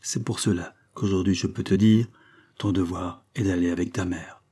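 A man reading and voicing a devoted foster mother who speaks softly and gently. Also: low voice, steady tone, moderate pace, husky. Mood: gentle. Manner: soft and gentle.

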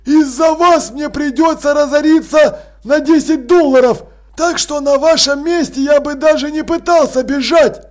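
A man's voice: extremely high pitch, moderate pace, pitched above the performer's own voice. A man doing a cranky zombie constable. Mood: grumbling. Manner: cranky, aggrieved. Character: grumpy male zombie watch constable, stingy.

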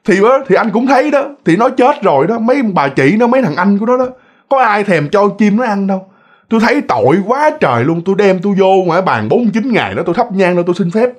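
A man's voice: high voice, very animated, fast talker, breathy edge, pitched above the performer's own voice, full character voice. A man voicing a fretful, frightened middle-aged village uncle, complaining in a rambling, breathless rush. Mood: agitated.

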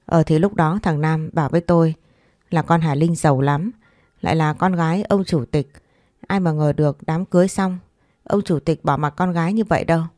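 A woman's voice: low-pitched, normal speed, a little mellow, dry recording, studio quality, natural voice. A woman voicing a weary, regretful older mother-in-law who sighs and complains. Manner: sighing, complaining.

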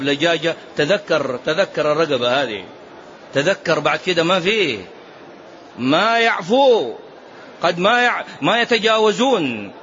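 Sheikh preaching a lesson, animated storyteller, faint hiss in the background. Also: male voice, fairly high pitch. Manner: animated storytelling with urgent exhortations. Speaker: sheikh teaching a hadith book. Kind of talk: religious lesson. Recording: dull lo-fi recording, faint hiss.

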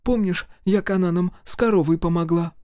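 A man's voice: sits high, moderate pace, warm tone, no room sound, clean studio sound, voice pushed up, close to an everyday voice. A man voicing a frightened peasant mother who pleads in folksy rural dialect, in an audiobook. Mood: fussing. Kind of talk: audiobook character voice.

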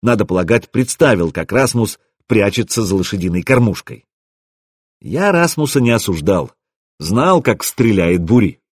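A man reading a first-person adventure audiobook in an expressive way. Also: lowish voice, moderate pace, slightly rough, dry recording, studio quality. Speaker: audiobook narrator.

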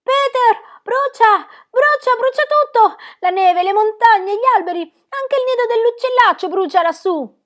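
A woman reading aloud puts on an excited little girl from a storybook, her voice pitched well above the reader's own and swinging widely. She is eager and curious and asks one question after another. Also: measured pace.

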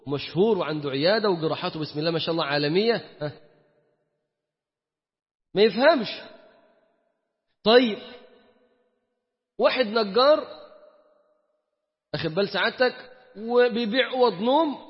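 A man with an Egyptian accent preaching a colloquial sermon, firing rhetorical questions at his listeners and swinging between loud and hushed. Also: high-pitched. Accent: Egyptian Arabic. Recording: dull, echoey hall recording.

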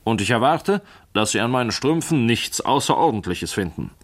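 A man reading a stately elderly English gentleman. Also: mid-range voice, sing-song, normal speed. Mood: dignified. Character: genial portly elderly male gentleman, stubbornly dignified.

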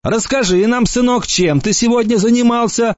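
A man's voice: very high voice, moderate pace, no room sound, pitched above the performer's own voice. A man voicing a skinny, hostile farmer in a knit cap, sneering and threatening. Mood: menacing. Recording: dull lo-fi dry recording.

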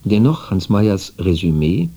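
A man reads a scripted radio documentary in a formal, even, literary manner. His voice sits low and sounds dark and slightly husky. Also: measured pace. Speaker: narrator. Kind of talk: scripted radio feature narration.

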